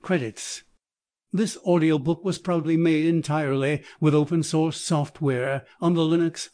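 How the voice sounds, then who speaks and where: A man's synthetic text-to-speech voice reading scripted audiobook narration in an even, measured way. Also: fairly high pitch, no echo.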